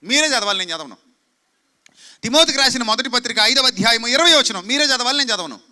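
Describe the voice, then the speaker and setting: A man's voice: very high voice, animated, quick pace, pushed and bright. A man preaching a fiery sermon, scolding the crowd with rhetorical questions and mocking quotes. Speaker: pastor.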